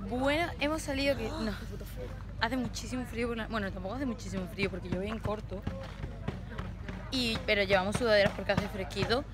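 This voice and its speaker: A woman's voice: mid-range voice, brisk. A young woman with an accent from Spain chatting casually and informally to camera in a vlog, using plenty of slang. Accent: Spanish from Spain. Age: young adult. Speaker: vlogger. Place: car and outdoor festival campsite. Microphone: phone or camera at arm's length.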